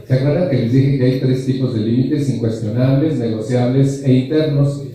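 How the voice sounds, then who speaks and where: A man's voice: mid-range voice, moderate pace, dark tone. A man giving a joking, blunt motivational talk to a group, full of rhetorical questions and slang. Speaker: speaker at a support group anniversary. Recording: echoey hall, distant mic.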